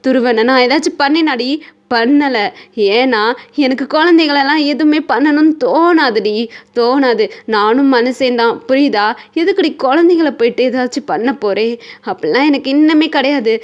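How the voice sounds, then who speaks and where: A man's voice: extremely high pitch, moderate pace, lo-fi sound. A woman voicing a possessive young male kidnapper who keeps pleading with his wife, in an insistent, repetitive way. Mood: defensive. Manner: insistent, repeating lines over and over.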